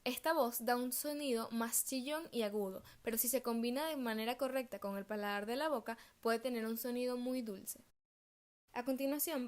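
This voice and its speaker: Reading from her research presentation, a young woman takes care to enunciate every term. She's a student presenter, young adult in age, and her somewhat high voice stays steady and studious.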